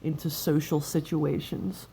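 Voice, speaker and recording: Halting young woman with a slight stutter. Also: low voice, fairly even intonation, creaky, dark tone. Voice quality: occasional stutter. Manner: halting, broken-up phrases with pauses. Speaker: person sharing experience of stuttering in a video. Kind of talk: personal confessional talk. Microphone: cell phone. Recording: noisy cell phone recording.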